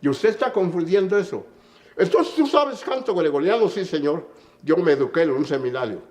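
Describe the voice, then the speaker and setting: An older man with a Mexican accent, a conductor and musician, tells anecdotes in an interview and lectures emphatically. His voice is a little high yet darkish in tone, with lively intonation at a moderate pace, and he often checks in with a short "mm?"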